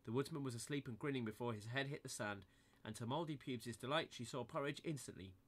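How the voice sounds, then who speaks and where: A man's voice: mid-range voice, quick pace. A man narrating a comic bedtime-style story in a playful, mock-innocent storybook manner.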